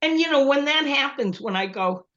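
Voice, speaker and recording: A woman with a high, bright, pushed voice and lively intonation chats at normal speed in a casual group chat, where she is one of the members. She tells a story, laughs often and acts out what people said, and she's prone to coughing. The sound is lo-fi.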